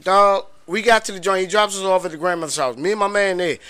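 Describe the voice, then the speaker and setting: A man's voice: high voice, fast talker, sharp tone, clean tone. A male guest telling a wild personal story in slangy, profane talk, often breaking into laughter. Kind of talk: animated storytelling.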